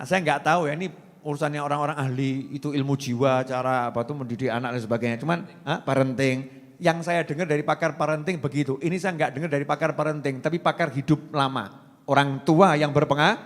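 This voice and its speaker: A man's voice: a little high, fairly bright tone. A man preaching a folksy, joking sermon, often putting questions to his audience. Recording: long reverb from a hall.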